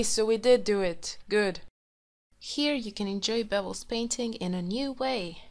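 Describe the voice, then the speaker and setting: A woman hosting a let's play, hoarse from being sick and reacting to the game with excited exclamations and giggles. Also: medium pitch. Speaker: gaming video host. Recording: faint music behind.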